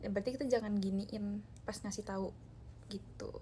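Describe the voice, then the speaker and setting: With a medium-pitched, steady, warm voice and a brisk pace, a young idol group member hosts a live stream on her phone. She chats loosely with viewers, leaning on many fillers, while slight hiss or hum runs in the background.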